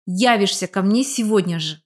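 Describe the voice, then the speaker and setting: A woman's voice: medium pitch, normal speed, darkish tone, lightly acted. A woman reading a cocky young guy, playful, kinda bossy in a joking way, audiobook. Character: young man, cheerful, confident, teasing old friend. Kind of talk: audiobook character voice.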